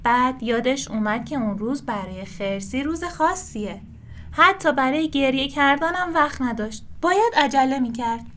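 A woman reading a children's storybook aloud in a gentle, expressive way. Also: sits high, slight background noise.

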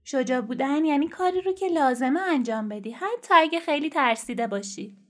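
Woman doing a gentle, reassuring lady doctor. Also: high-pitched, animated. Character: kind, patient female doctor. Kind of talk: children's storybook reading.

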